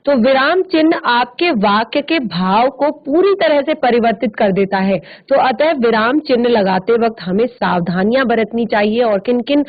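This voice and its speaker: Woman teacher, tinny phone-like sound. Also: a little high. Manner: slow, deliberate explaining with frequent pauses. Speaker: Hindi teacher. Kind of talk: virtual classroom lesson. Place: studio.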